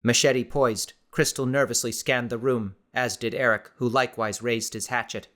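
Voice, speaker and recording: A man narrating an audiobook in a steady, measured storytelling voice. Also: mid-range voice. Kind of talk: scripted narration.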